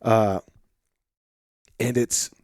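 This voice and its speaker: A man hosting a podcast, talking loosely and excitably, swearing and calling his guest "dude" and "man.". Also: lowish voice, very slow, no room sound, clean studio sound. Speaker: podcast host. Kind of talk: casual conversation.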